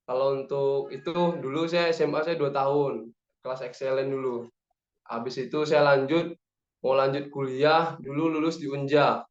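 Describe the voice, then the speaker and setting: Relaxed young man on an echoey call. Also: medium pitch, dull audio. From Padang, West Sumatra, Indonesia. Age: 20s. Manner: relaxed, chatty, rallying the audience. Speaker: guest speaker, aviation cadet. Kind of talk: casual talk in an online meeting.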